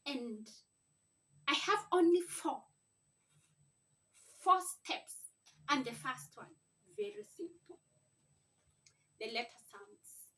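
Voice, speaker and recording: A very animated woman with a bright, forceful, high voice talks slowly and pauses often. She's a mother and teacher explaining things simply in a casual home vlog on reading, recorded from a distance with a little background noise.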